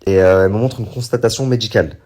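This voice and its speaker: A man casually retelling a story to his viewers, rambling with many fillers and animated bursts when he quotes others. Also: fairly low pitch, fast talker. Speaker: online commentator recounting a story.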